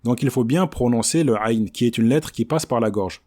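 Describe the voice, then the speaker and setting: A man teaching Quran recitation, speaking standard French with a patient manner and modeling words slowly and repeatedly. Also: medium pitch, darkish tone. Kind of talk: explanatory lesson on recitation.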